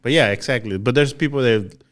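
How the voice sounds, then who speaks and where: A man's voice: mid-range voice, fairly quick, over a noisy crowd. A man who grew up in Chicago, co-hosting a casual podcast, hesitant and often restarting his sentences. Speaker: podcast co-host. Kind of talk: casual chat.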